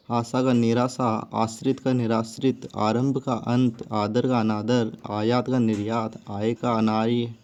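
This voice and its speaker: Male teacher, unhurried and methodical, listing word pairs, dull lo-fi sound. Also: mid-range voice, darkish tone. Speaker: Hindi teacher. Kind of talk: spoken grammar lesson. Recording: dull lo-fi recording.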